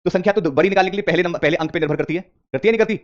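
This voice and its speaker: A man runs a live reasoning class, talking fast and repeating each step to his students. His voice sits a little high, and his coaxing manner mixes English terms into his teaching. The audio is dull and lo-fi.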